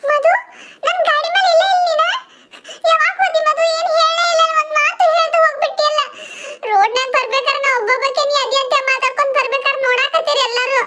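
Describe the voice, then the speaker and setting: Squeaky, fretful village woman, as a voice actor puts her on. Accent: North Karnataka Kannada. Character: excitable young village woman on a scooter. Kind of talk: cartoon comedy dubbing. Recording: clear background noise.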